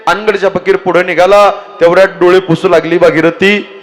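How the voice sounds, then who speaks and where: A high-pitched male preacher from Maharashtra, swinging between chanted verses and emphatic storytelling aimed at the gathered villagers. His voice comes over a PA and trails into a long hall reverb. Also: fairly even intonation, normal speed. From Maharashtra, India. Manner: sing-song chanting, emphatic, addresses villagers. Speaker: kirtan preacher. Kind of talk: devotional kirtan sermon with storytelling.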